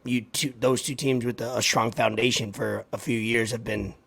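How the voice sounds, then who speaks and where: A man in his thirties with a raspy, hoarse voice, hosting a sports podcast in a halting, informal chat. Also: mid-range voice, steady tone, a bit bright. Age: 30s. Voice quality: raspy, worn voice. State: hoarse from partying.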